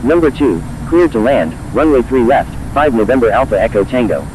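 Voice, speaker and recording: A male pilot keying his cockpit headset radio, reading back tower clearances in clipped, formal phraseology. His voice sits at an everyday middle pitch. A clear wash of aircraft and engine noise runs underneath, and he sounds a little distant from the mic. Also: lively intonation, fairly quick. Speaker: airline pilot. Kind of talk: aviation radio readback.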